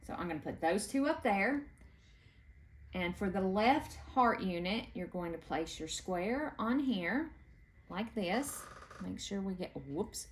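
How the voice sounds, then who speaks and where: This casual sewing tutorial features a middle-aged woman guiding viewers through a quilting block from her home sewing room. Her voice is medium-pitched with lively intonation and a measured pace, and she chats in a folksy way while working.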